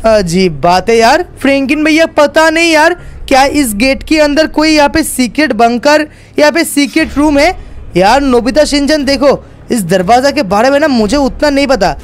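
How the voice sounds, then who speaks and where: A man's voice: very high voice, lively intonation, moderate pace. A man narrating a game role-play in a chatty way, talking straight to his viewers. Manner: chatty, addresses viewers, repeats fillers. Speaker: gaming YouTuber narrating as Franklin.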